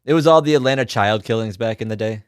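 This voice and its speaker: A man's voice: fairly low pitch, fast, clean tone, dry recording. A man co-hosting a casual podcast, bantering and acting out jokey little scenes. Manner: jokey, acts out bits and quotes in put-on voices. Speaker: podcast co-host.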